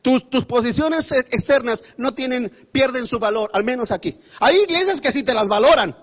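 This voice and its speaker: High pitched guy preaching hard, repeats himself a lot, keeps saying brother to the crowd. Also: expressive, moderate pace. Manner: impassioned, repeats phrases, calls listeners brother. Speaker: pastor. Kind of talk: fiery sermon.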